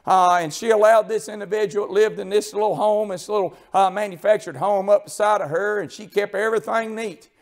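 A man preaching a sermon in a church, swinging from shouted, tearful peaks to a low, confiding storytelling tone with plenty of fillers. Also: steady tone, fairly quick, few pauses. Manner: rises into shouted, tearful crescendos, then drops to a low confiding tone; homespun storytelling with many fillers. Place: church sanctuary.

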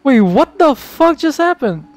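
Excitable swearing male game streamer. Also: extremely high pitch, measured pace, no echo, soft background music. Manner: excitable, chatty, swears freely. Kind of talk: casual live-stream chat.

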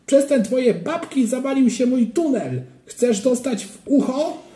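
A man voicing an angry little boy shouting threats in a storybook reading. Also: extremely high pitch, animated, a little slow, pitched above the performer's own voice. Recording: roomy echo.

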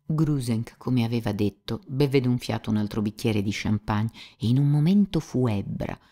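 A woman narrating a classic novel as an audiobook in a measured, calm storytelling manner. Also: a bass voice.

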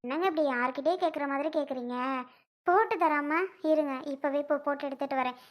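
A woman playing a gentle high-voiced wife. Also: fast talker, lightly acted. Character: young wife, gentle and dutiful. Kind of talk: family drama skit.

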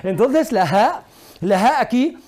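Lively, patient woman teaching a lesson. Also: on the high side. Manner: patient, drills words slowly and asks questions. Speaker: Arabic teacher. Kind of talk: one-on-one language lesson.

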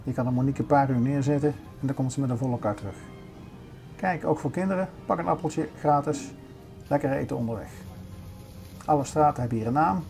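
A man's voice: medium pitch, fairly quick, gravelly, darkish tone, faint music behind. Chatty older man narrating a shop walk. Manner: chatty, showing things around as he walks. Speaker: vlogger. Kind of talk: casual shopping vlog narration. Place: large supermarket, indoors.

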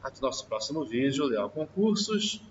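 A man's voice: mid-range voice, big pitch swings, a little hiss or hum. A man, a teacher walking through an exam question and stretching out the key words. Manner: slow, drawn-out stress on key words. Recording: distant, dull mic in reverberant room.

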